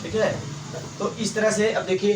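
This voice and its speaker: A man's voice: high-pitched, steady tone, moderate pace. A man teaching English grammar to a class, repeating points and quizzing his students. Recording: echoey room, faint hiss.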